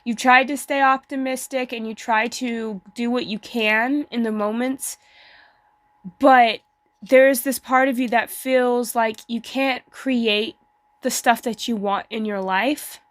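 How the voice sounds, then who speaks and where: A woman tarot reader speaks casually to her online viewers while sick with flu. Her voice sits a little high and is recorded dry, with no room sound. She pauses and hesitates between phrases as she reads. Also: fairly even intonation, no room sound. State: sick, as with flu, voice may give out.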